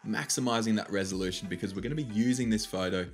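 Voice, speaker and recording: A young Australian man with a slightly nasal, stuffy voice, casually talking through a software tutorial step by step. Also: fairly low pitch, fast. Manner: casual, upbeat, talks through each click. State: nasal from hay fever. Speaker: motion design tutor.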